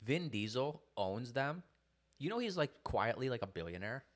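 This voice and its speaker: Young male co-host, lively pitch swings, rambling laugh-prone delivery, casual. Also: moderate pace. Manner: animated, laughs often, rambling asides. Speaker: podcast co-host. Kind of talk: casual chat.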